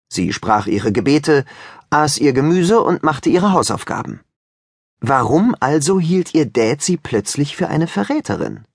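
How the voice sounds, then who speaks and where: Wry male audiobook narrator, husky. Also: mid-range voice, no room sound, studio quality. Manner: wry, joking asides to listeners. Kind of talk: scripted narration of a children's audiobook.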